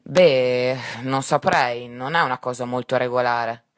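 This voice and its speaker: A man reading aloud and voicing Death as a calm, courteous, patient male reaper. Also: medium pitch, a little slow, dry recording, clean studio sound, lightly acted.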